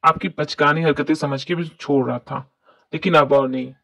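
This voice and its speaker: A woman's voice: sits low, fairly even intonation, moderate pace, creaky. A woman voicing a stern, cold young male company boss in a fan dub drama, curt and commanding.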